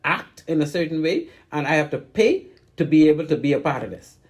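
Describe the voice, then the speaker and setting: A man's voice: a little high, lively intonation, fairly quick, a little mellow. A man in his sixties with a Bahamian accent, hosting a call-in radio show in an emphatic, casual way, often repeating words as he gathers his thoughts. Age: 60s. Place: radio studio.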